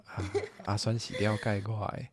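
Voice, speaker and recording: A man's voice: fairly low pitch, little pitch movement, moderate pace, crowd noise. A man from Taiwan streaming a game in casual chat, playful and laughing often.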